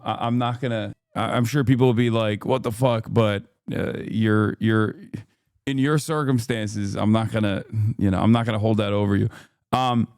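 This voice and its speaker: A man's voice: medium pitch, a little mellow, smooth, dry recording, clean studio sound. A man hosting a casual stream interview, talking in a hesitant way with many restarts.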